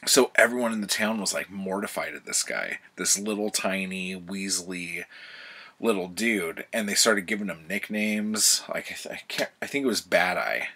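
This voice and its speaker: Book vlogger, male, deep voice with a bright edge; loose, rambling, um-heavy storytelling. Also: moderate pace, husky. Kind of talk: casual book review and plot retelling.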